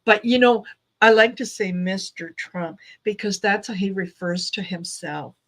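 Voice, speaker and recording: Slow-talking woman reading tarot. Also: mid-range voice, a bit bright. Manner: slow, chatty, acts out quoted voices. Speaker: tarot reader host. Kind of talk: casual chat reading tarot cards.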